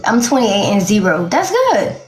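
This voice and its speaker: A woman's voice: mid-range voice, wildly swooping pitch, moderate pace. A woman in her late twenties speaking bluntly and candidly in a casual interview, laughing often. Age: 20s. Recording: roomy echo.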